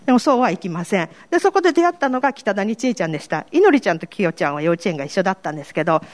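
A woman with a Kansai accent shares her faith testimony before a congregation. She tells it candidly and pokes fun at herself. Her voice sits at an ordinary, middle pitch. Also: very animated, racing. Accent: Kansai Japanese. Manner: candid, self-deprecating storytelling. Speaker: church member giving testimony.

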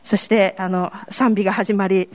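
A woman's voice: mid-range voice, level tone, moderate pace, darkish tone. A woman with a Kansai accent giving a personal faith testimony to a congregation, telling her story in a candid, self-deprecating way. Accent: Kansai Japanese. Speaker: church member giving testimony.

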